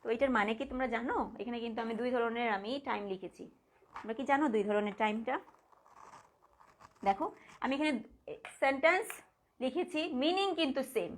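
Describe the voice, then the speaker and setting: Bangladeshi woman teaching slowly. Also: on the high side. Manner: patient, repeats words slowly, asks the class questions. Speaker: primary school teacher. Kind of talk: live online grammar lesson.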